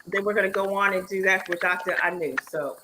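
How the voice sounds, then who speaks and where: A woman's voice: mid-range voice, steady tone, fairly quick, heavy background noise. A woman hosting an online interview show, upbeat and encouraging with her guests. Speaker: host.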